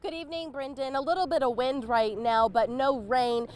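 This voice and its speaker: Woman, fairly high voice, field reporter, conversational live news update, outdoors. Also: normal speed. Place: outdoors in a waterfront town.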